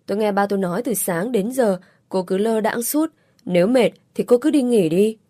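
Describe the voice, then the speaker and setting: A woman's voice: medium pitch, normal speed, warm tone, no echo, clean studio sound, natural voice. A woman reading an audiobook story, voicing a considerate young man who speaks patiently and placatingly. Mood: calm.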